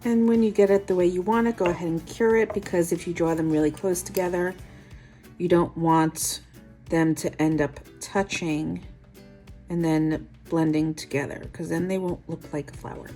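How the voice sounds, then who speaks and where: A woman's voice: lowish voice, fairly even intonation, normal speed, dark tone, soft background music. A woman with a New York accent hosting a nail art tutorial, talking through each step with chatty, self-deprecating asides.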